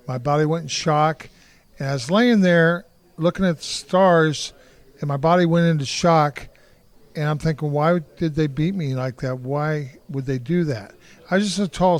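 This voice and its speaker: A man in his sixties from Kansas City talks through his past in a blunt, rambling way, often stopping to restart a sentence. His voice sits a little high for a man. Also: clean tone. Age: 60s. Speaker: interview guest, martial artist. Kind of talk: casual storytelling interview.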